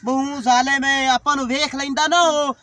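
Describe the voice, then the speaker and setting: A man's voice: very high voice, little pitch movement, moderate pace, a crowd in the background. A man acting in a village comedy sketch, boisterous and often laughing as he talks. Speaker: comic actor.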